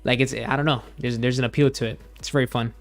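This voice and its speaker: Brief: young male streamer, easygoing rambling chat, middle-pitched voice, faint music underneath. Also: fairly even intonation, fast talker, gravelly. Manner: rambling, laid-back, many fillers and restarts. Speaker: gaming streamer. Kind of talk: casual chat while gaming, reading chat.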